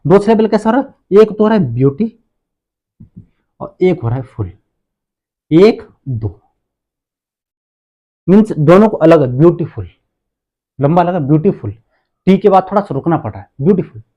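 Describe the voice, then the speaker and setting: Lively man teaching grammar. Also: high-pitched, dull audio. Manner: asks rhetorical questions and answers them, repeats words slowly. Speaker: English teacher. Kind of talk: classroom grammar lesson.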